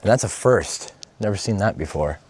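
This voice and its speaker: A man vlogging outdoors in an abandoned town, relaxed and chatty as he talks to his viewers. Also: on the low side, normal speed, breathy edge, dry recording. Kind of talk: casual travel vlog.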